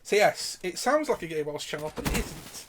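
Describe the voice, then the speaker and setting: A man with a fairly high voice talks over his gameplay in a loose, live commentary. He rambles from one viewer question to the next, swearing casually and laughing as he goes. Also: big pitch swings, normal speed, slight background noise. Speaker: gaming channel host.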